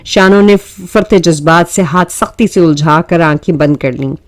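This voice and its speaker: A woman reading a romantic novel aloud in steady storytelling narration, with the odd stumble. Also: deep voice, no echo.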